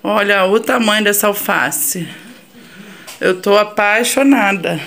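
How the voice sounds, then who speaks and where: A Brazilian woman hosting a casual cooking vlog in her home kitchen, chatting warmly with her viewers as she cooks. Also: mid-range voice. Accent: Brazilian Portuguese. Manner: affectionate, chatty, addresses viewers as "minha gente". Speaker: vlogger. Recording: noisy home kitchen audio. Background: frying and sizzling in the kitchen.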